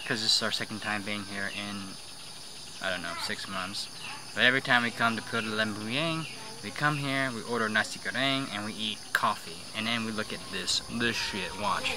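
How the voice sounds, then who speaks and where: A man filming a casual travel vlog on a handheld camera, excitable and swearing freely, outdoors and at an open-air cafe. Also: fairly low pitch, normal speed, background noise. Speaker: travel vlogger.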